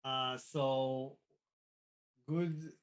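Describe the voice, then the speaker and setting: A man hosting a live online interview, talking in a halting way with many fillers and restarts. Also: mid-range voice, fairly even intonation, clean tone, low-quality recording. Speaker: host.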